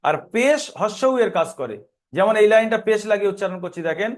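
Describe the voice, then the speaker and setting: A man teaching a Quran reading lesson, patiently spelling out letters and repeating the rules in a steady chant. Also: high voice, fast. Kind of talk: recorded online lesson.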